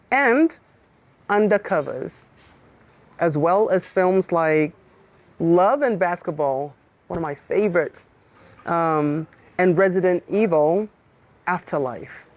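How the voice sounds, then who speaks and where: Woman podcast host reading her intro, lowish voice, kinda muffled lo-fi sound. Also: expressive, slow, pauses often, a little mellow. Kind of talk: scripted podcast intro and interview questions.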